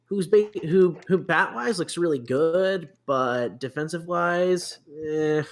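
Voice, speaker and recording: A man with a slowish, somewhat high voice hosts a casual sports podcast. He rambles through a list, restarting often, using lots of fillers and making self-deprecating asides.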